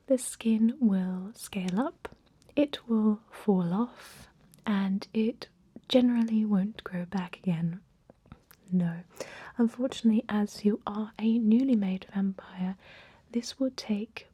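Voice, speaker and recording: This woman whispers as a millennium-old vampire medic for ASMR, her breathy, soothing delivery slow and laced with soft hums. The voice is mid-range, with a dark tone and a breathy edge.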